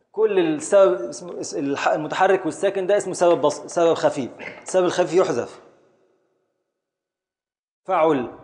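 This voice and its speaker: A man's voice: on the high side, a little mellow, long reverb tail. A man with an Egyptian Arabic accent teaching a classroom lesson, drilling his students step by step with repeated questions.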